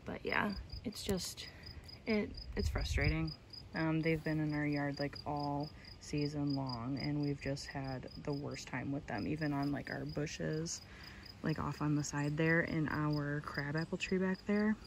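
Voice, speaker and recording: A woman's voice: low voice, fairly even intonation, measured pace. A young woman chatting casually as she tours her backyard garden on a phone camera, enthusiastic and full of "um"s. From Michigan. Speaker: gardening vlogger. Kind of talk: casual garden tour narration. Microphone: handheld phone camera. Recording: outdoor phone audio with insect noise. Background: crickets and outdoor ambience.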